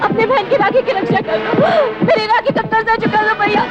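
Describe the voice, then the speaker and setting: High, sobbing young sister who pleads with her bandit brother, music under her. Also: big pitch swings, moderate pace, muffled recording. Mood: pleading. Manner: desperate pleading. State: crying. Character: young village woman, orphan, pleading sister. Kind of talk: 1980s film acting.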